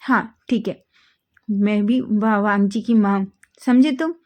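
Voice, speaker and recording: A woman's voice: mid-range voice, fairly even intonation, measured pace, darkish tone, natural voice. A woman voicing a stern, protective middle-aged mother who speaks firmly and warns. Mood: teasing. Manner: firm, warning.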